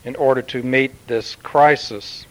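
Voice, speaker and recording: A man channeling a solemn male Martian commander who addresses Earth in formal, measured pronouncements with long pauses. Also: mid-range voice, fairly even intonation, close to an everyday voice, rough recording. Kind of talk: channeled spiritual message.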